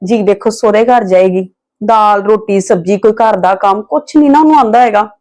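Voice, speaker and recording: A woman's voice: mid-range voice, a little fast, darkish tone, natural voice. A young woman, playing a sensible wife who firmly lectures her husband about his sister. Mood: lecturing.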